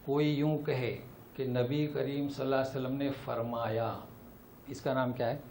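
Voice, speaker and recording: A man's voice: medium pitch, little pitch movement, a little mellow, a little hiss or hum. A male Islamic teacher giving a Quran lesson and answering questions. He talks with emphasis and keeps repeating rhetorical questions to drive his point home.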